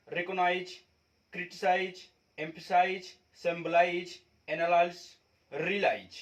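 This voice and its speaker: An English teacher from India explains spelling differences step by step in a classroom style, repeating points and often checking in with his viewers. His voice is high and a bit bright, and the recording is rough.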